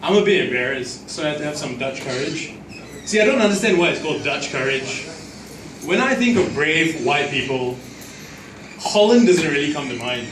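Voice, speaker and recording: Expressive and on the high side, a man from Singapore speaks at normal speed through a foul-mouthed, crude open-mic stand-up set. The small comedy club recording is echoey and distant, with the crowd audible.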